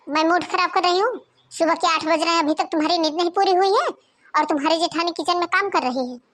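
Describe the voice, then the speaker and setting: A woman voicing a strict old mother-in-law in a cartoon, scolding in high calls and coughing often. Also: quick pace, a bit bright. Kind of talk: cartoon voice acting.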